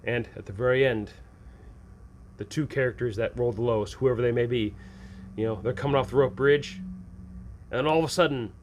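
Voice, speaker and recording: A man with a mid-range voice hosts a tabletop game advice show, speaking briskly and pausing often over slight background noise. He talks casually and enthusiastically, drifting into improvised scene descriptions in folksy, colloquial language. When he acts out examples he gets animated.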